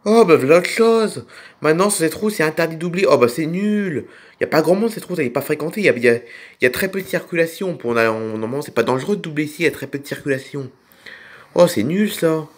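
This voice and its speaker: A man's voice: a little high, lively intonation, fast. A man voicing a chatty family dad in a toy film, rambling and repeating himself as he grumbles. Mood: grumbling. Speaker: narrator and main figure of a toy film. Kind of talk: toy figure film role-play.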